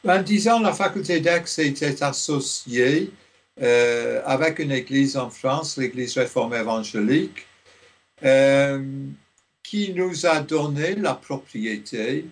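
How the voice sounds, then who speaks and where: An older man from Liverpool, a theology professor, speaking in a radio interview, slowly and with many hesitations. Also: medium pitch, expressive. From Liverpool, England. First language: English. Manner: slow, halting, many fillers.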